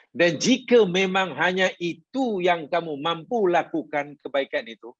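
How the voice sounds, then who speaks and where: A man teaches a hadith class in a measured, explanatory way. His voice sits a bit higher than most men's. The recording is dry and somewhat muffled. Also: slightly rough, no echo. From Malaysia. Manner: measured, explanatory lecture with rising emphasis. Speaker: religious teacher. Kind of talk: hadith lesson.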